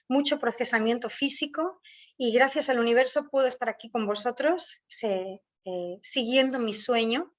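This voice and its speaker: A woman, indoors at home, leading a spiritual online workshop in a slow, deliberate manner with measured, repeated lists of phrases. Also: on the high side, a bit bright. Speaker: workshop facilitator. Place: indoors at home, near a door.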